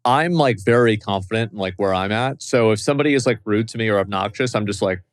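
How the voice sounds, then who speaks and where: A man's voice: fairly low pitch, fast talker, no room sound. A man co-hosting a podcast, chatting casually and loosely, swearing often and leaning on fillers. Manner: laid-back, swears a lot, many fillers. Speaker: podcast co-host. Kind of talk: casual chat.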